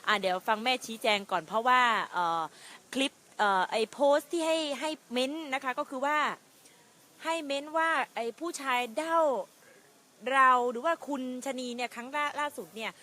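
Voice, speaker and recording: Loud teasing woman host, kinda high voice, blunt live chat. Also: animated, normal speed. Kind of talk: live-stream phone-in chat.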